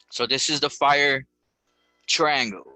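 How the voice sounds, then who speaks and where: A man's voice: medium pitch, bright, forceful tone, no room sound, low-quality recording. A man giving a casual livestream lecture on spirituality, talking in an emphatic, preachy way, repeating rhetorical questions and swearing casually.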